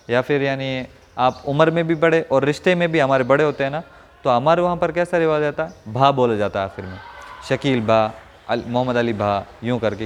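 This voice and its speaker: A man from Rajasthan teaching Quran pronunciation to a class, asking questions and modeling each sound slowly. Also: mid-range voice, long reverb tail, slight background noise. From Rajasthan, India. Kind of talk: classroom lesson.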